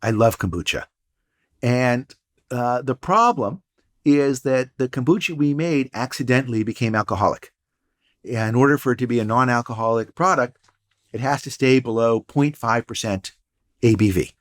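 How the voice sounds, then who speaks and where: A man's voice: medium pitch, moderate pace. An older man, a guest entrepreneur and professor, telling stories in a casual interview with dry, punning humor. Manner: storytelling, wry and punning.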